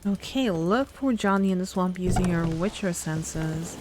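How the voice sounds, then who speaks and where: A woman giving casual let's play commentary, unhurried and thinking aloud as host. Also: fairly low pitch, noisy background.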